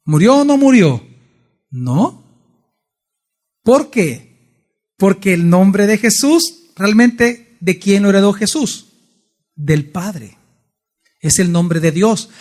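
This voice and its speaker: A man's voice: sits high, big pitch swings, takes it slowly, long pauses, a little mellow. A male pastor teaching a Bible study sermon in church, often putting questions to his congregation. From El Salvador. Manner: asks the congregation frequent questions.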